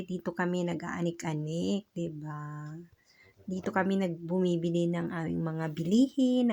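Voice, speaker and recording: A woman's voice: on the low side, vocal fry, a little mellow. A woman vlogging casually, talking to her dog in a playful, teasing sing-song way.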